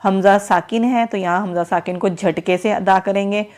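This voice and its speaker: A woman teaching recitation in a patient step-by-step lesson. She explains each rule in measured everyday speech. She stops often to chant the verse slowly and stretch out its sounds. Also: mid-range voice, steady tone, a little mellow.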